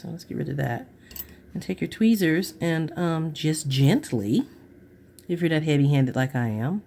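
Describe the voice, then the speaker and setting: A woman's voice: sits low, a little mellow, a little hiss or hum. A woman chatting through a crafting tutorial, gushing over her work and dropping to murmurs as she works. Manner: chatty, gushing, drops to murmurs while working. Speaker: craft vlogger.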